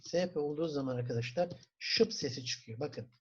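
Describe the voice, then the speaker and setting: A man with a Turkish accent teaching a German class, asking the students questions, answering them himself and repeating words slowly for pronunciation. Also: fairly high pitch, slightly rough. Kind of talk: classroom lesson. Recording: dull lo-fi recording.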